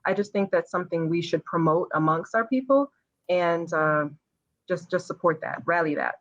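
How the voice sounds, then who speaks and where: A woman guest in a casual interview, speaking in a measured, reflective way. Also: fairly low pitch, lively intonation, fairly bright tone, highs cut off.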